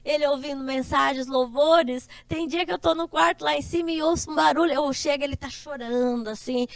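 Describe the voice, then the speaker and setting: A middle-aged woman, a church member, telling stories in a casual, emotional and expressive way. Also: high-pitched, brisk, vocal fry, dry recording. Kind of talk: casual chat.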